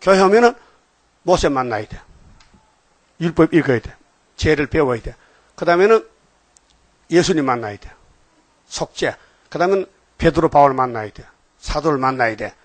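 A man's voice: fairly high pitch, animated, moderate pace, pauses often, no echo. An older man preaching a sermon, emphatic and constantly prompting the congregation for a response. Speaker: pastor.

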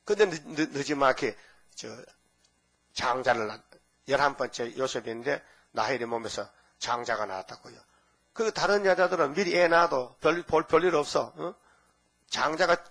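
An older male pastor preaching an animated sermon, reading scripture aloud and acting out the people in it while questioning his listeners. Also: mid-range voice. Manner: animated preaching, acts out biblical voices, asks the crowd.

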